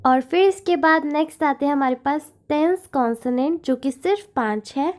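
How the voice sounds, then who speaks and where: A woman's voice: sits high, moderate pace, a little mellow. A woman teaching the sounds of a foreign alphabet step by step, repeating each sound and giving simple example words. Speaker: language teacher. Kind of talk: slow, step-by-step language lesson.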